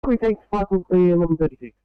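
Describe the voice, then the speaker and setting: A man's voice: sits high, fast, clear, resonant tone, no room sound. A man working as a fire dispatcher, speaking in clipped radio procedure over a two-way radio. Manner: clipped call-sign talk. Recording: narrow two-way radio channel, dry.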